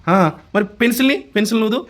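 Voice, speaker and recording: A male schoolteacher in a classroom, quizzing a young pupil and praising the answers warmly. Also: very high-pitched, fast, background noise. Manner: warmly encouraging, praises often; questioning, prompting a child. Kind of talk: classroom oral assessment.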